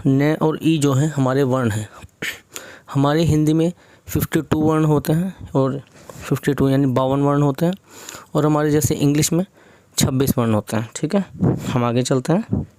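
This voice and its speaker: Higher-voiced male Hindi tutor. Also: mellow, no echo. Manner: explains step by step, often says "theek hai"; mixes English words into Hindi. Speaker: teacher. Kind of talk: exam-prep lesson.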